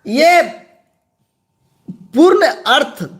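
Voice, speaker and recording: A male teacher giving an exam-prep lecture, slowly repeating key terms and answering his own questions. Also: very high-pitched, very animated.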